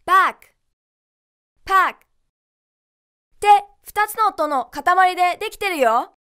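A woman modeling words and phrases crisply for learners to repeat. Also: very high voice, lively intonation, unhurried, bright, forceful tone. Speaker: pronunciation teacher.

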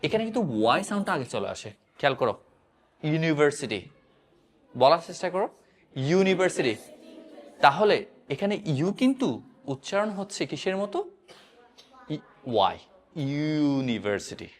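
A man's voice: high voice, very animated, fast talker. A man teaching an English grammar lesson, repeatedly asking his students questions and drilling the answers. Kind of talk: classroom-style grammar lesson.

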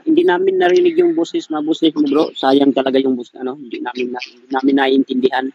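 A man's voice: mid-range voice, animated, quick pace, gravelly, no room sound. A man moderating an online debate who talks hesitantly, with many fillers. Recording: dull lo-fi call audio.

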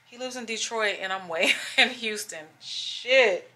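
A young woman with a high-leaning, bright, forceful voice speaks at an unhurried pace. She's a travel vlogger chatting casually to the camera, gushing and calling her viewers "y'all."

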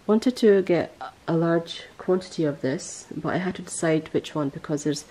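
Husky woman, mellow low voice. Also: normal speed, low-quality recording. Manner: chatty, rambling, self-correcting. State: voice going hoarse. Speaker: podcast host. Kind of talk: casual podcast chat.

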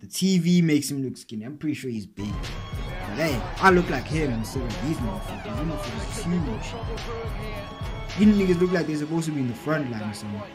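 A young man hosting a reaction video, reacting casually in excitable slang and calling out "hey, bro" again and again. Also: a little high, fast talker. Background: clear music from the clip being watched.

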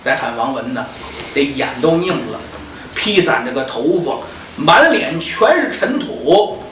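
一位带北京口音的男说书人，在书馆里说单口相声，讲得活泼，时常喊着演对话。. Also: male voice, on the high side, measured pace. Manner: lively, acts out dialogue with shouts. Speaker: storyteller. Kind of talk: traditional solo comic storytelling. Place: storytelling hall. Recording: echoey distant hall, faint noise.

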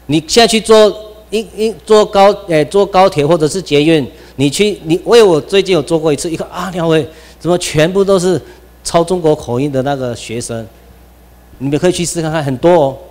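A man's voice: on the high side, brisk, a little mellow, long reverb tail. A man with a Taiwanese Mandarin accent giving an informal classroom lecture, rambling with frequent restarts and exclamations.

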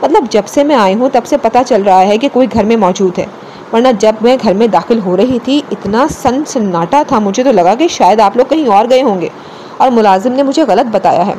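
A woman's voice: fairly high pitch, lively intonation, warm tone, a little hiss or hum, natural voice, poor audio. A woman narrator voicing a playful, talkative young wife in an audiobook story. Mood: teasing. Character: chatty teasing young wife.

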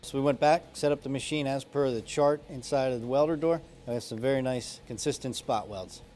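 A man's voice: mid-range voice, fairly quick, a little mellow, soft background music. A man in his forties teaching a welding lesson, explaining each step in a plain, practical way in an indoor workshop. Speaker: welding instructor. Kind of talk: instructional demonstration. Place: indoor workshop garage studio.

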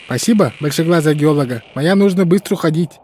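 A man's voice: a little high, fast talker, darkish tone, slight background noise, lightly acted. A man playing a naive Chukchi tundra native in a cartoon game, speaking broken, lisping Russian with a mock Chukchi accent. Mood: earnest. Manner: broken pidgin Russian with lisped sibilants.

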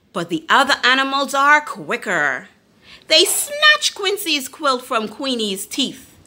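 A woman reading a picture book aloud to young children, taking her time and stopping to ask them questions like a teacher. Her voice is bright and sits a little high. It rises and falls widely with expression. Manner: teacherly, asks listeners questions. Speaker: storyteller.

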